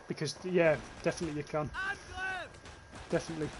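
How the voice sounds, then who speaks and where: Over background noise, a young British streamer with a northern English accent chats through his gameplay, reading comments from chat and swearing casually. He speaks quickly in a slightly high, level tone.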